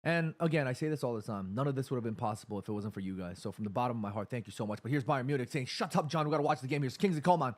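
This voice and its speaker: A man in his thirties hosts a live football watchalong stream, talking in a rapid-fire, chatty way at medium pitch with hardly any pauses. Between play calls he reads viewer messages aloud, and he gets excited whenever there's an attacking move.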